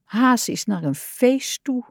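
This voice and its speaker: A woman's voice: a little high, big pitch swings, normal speed, darkish tone, dry recording, studio quality. Woman voicing a curious little frog. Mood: glum. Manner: eager, wondering questions. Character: small male frog, curious and easily upset.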